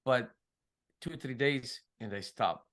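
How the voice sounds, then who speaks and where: A man's voice: mid-range voice, slow pace, a bit bright. A middle-aged man with a Middle Eastern accent, co-hosting a podcast and giving earnest advice in casual chat. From Middle East. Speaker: podcast co-host.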